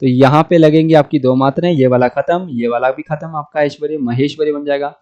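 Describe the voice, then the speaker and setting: A man's voice: fairly high pitch, steady tone, fairly quick, a little mellow, muffled recording. Man teaching grammar, step by step. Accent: Hindi, North India. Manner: step-by-step explaining with repeated rhetorical questions. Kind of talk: blackboard lesson explaining grammar.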